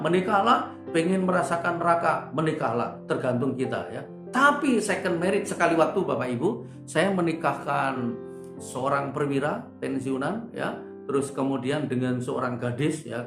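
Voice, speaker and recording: Older male preacher, jokey storyteller, roomy hall with faint guitar. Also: a little high. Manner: humorous storyteller acting out dialogue. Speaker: pastor. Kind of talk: sermon with personal anecdotes. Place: church. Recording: echoey church hall. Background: soft guitar music.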